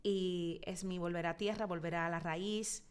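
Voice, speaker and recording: A Dominican woman in her thirties, a psychologist guest telling her life story in an interview, expressive and reflective, pausing often as she thinks. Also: on the low side, clear, resonant tone. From Dominican Republic. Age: 30s. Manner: expressive, reflective, with frequent hesitations.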